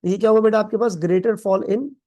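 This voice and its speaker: A man teaches in a recorded exam-prep lecture. His voice is warm and mellow, and he mixes English terms into playful everyday examples. He keeps asking his students questions and repeating the answers back. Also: high voice, fairly even intonation, a little fast. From Pakistan. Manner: calls students "beta", quizzes them with call-and-response questions. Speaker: accounting tutor.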